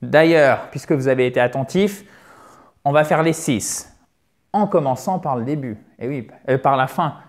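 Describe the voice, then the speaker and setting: A man's voice: medium pitch, moderate pace. A man teaching English pronunciation in an online lesson, playfully stretching vowel sounds to demonstrate them and often checking in with his listeners.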